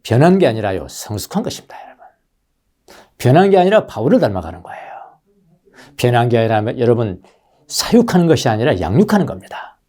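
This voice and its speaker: Lively, mellow-voiced male pastor preaching. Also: mid-range voice, brisk, long pauses. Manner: animated preaching, addresses the congregation directly. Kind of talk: sermon. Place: church sanctuary.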